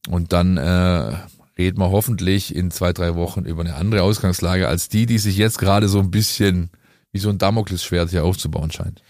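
Emphatic lower-voiced man, dry sound. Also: fairly even intonation, moderate pace, a little mellow, no room sound. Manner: emphatic, lecturing, rhetorical "ja?" tags. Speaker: football podcast pundit. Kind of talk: opinionated monologue in a podcast.

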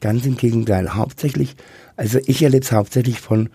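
A middle-aged man with a husky, gravelly voice, talking candidly and haltingly as an interview guest. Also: mid-range voice, fairly even intonation, dark tone, no room sound. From Franconia, Germany. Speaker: interview guest, drag queen and queer activist.

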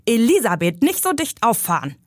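A woman's voice: fairly high pitch, huge pitch swings, moderate pace, no echo, clean studio sound, voice pushed up. A woman reading aloud from her novel, voicing a grumpy, bossy old uncle who nags from the passenger seat. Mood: nagging. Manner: nagging, scolding commands.

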